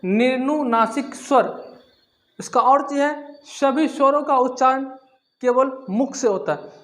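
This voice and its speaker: A man with a very high voice teaches a grammar lesson at a steady classroom pace. He explains each term step by step, poses questions and answers them himself, and repeats the key words for emphasis. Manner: repetitive, asks and answers own questions.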